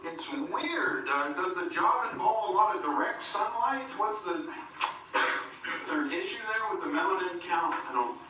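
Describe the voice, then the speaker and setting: A man's voice: high-pitched, expressive, moderate pace, background noise. A man doing a stand-up set on stage with a wry, incredulous delivery. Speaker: stand-up comedian. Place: stage in a comedy venue. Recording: echoey venue from far off with music.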